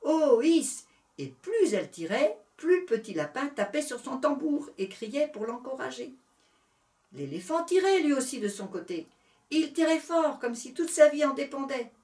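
A woman reading a children's animal fable aloud, animated and expressive. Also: high-pitched, moderate pace, far from the mic. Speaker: storyteller. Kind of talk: storybook reading.

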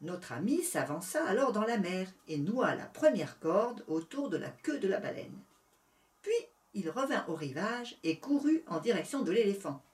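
A woman reading a children's animal fable aloud, animated and expressive. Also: medium pitch, moderate pace, recorded from a distance. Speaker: storyteller. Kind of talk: storybook reading.

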